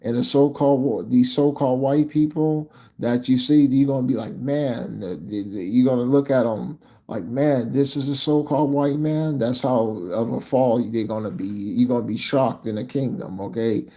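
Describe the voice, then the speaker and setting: A man preaching a sermon, reading scripture aloud and tagging his points with a repeated "okay?". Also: medium pitch. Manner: repeats "okay?" after each point, reads verses slowly and louder.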